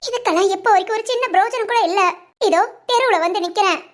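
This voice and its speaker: A woman's voice: very high-pitched, quick pace. A woman doing a tearful wronged young wife. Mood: pleading. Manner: pleading, wounded. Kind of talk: cartoon voice acting.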